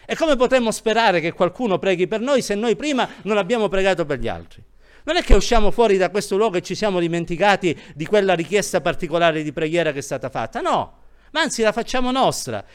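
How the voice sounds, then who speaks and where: Animated preaching man, high lively voice. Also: fast, clean tone. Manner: animated preaching with rhetorical questions. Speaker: pastor. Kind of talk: sermon.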